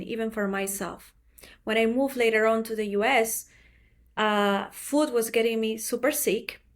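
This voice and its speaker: Speaking in a mid-range voice, an Ecuadorian woman who co-founded a company answers earnestly as a guest in a casual interview, drawing out some of her words.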